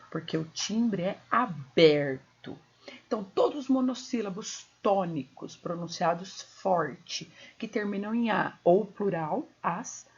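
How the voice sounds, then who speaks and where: Husky woman teaching a grammar lesson. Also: mid-range voice, highs cut off. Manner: didactic, asks the class rhetorical questions.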